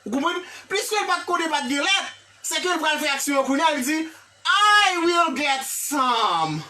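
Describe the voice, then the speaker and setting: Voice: high-pitched, a little fast. Haitian accent english teacher, live online class, lots of "hein?" and praise, sounds a bit far from the mic. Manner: animated, repetitive, checks in with "hein?" and "vous comprenez?"; praises viewers by name.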